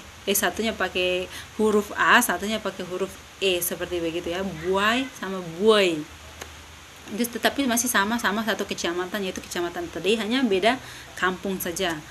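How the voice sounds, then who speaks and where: A woman's voice: medium pitch, fairly bright tone, rough recording. A young woman talks through a class presentation in a mid-range voice. She hesitates a lot and keeps filling gaps with "uh". Faint noise sits under her voice. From Lembata, eastern Indonesia. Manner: hesitant, many fillers, switching between English and Indonesian. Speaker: university student.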